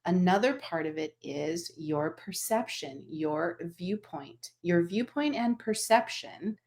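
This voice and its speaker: A woman teaching animal Reiki to students over a video call, talking gently and rambling with fillers and restarts. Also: lowish voice, expressive, takes it slowly.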